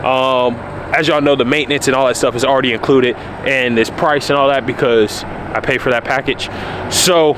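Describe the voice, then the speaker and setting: Early-20s man, candid, laid-back car vlogger, shot outside with steady street noise. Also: mid-range voice, moderate pace. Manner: candid, laid-back, repeats himself for emphasis. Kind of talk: casual talk to camera. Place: outdoors by his car in cold weather. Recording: outdoor noise behind the voice.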